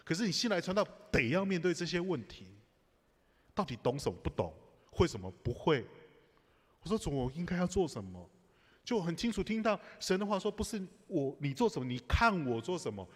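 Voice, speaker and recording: A man's voice: a little high, big pitch swings, a little fast. A man preaching a sermon, telling personal stories with humor and asides to the congregation. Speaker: pastor. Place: church sanctuary. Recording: live church hall reverb.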